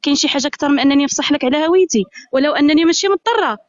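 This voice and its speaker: A woman with an Algerian Arabic accent pours out her grievances at a breakneck pace in a high, insistent voice. She comes through a phone on a live call, with dull, lo-fi audio in a dry space. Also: dry recording. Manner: rapid, aggrieved and insistent. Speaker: guest on a live stream. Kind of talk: casual live-stream chat.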